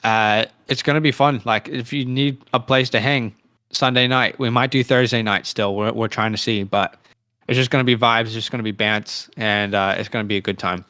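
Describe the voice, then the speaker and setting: A man in his late twenties co-hosts a casual fantasy football livestream, chatting informally with plenty of slang and chummy address. His mid-range voice is sharp yet clean, with fairly even intonation and normal speed, recorded in studio quality with no room sound.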